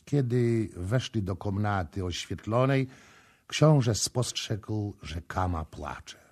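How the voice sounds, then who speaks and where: A man narrating a literary audiobook in a measured way. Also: lowish voice, expressive, darkish tone.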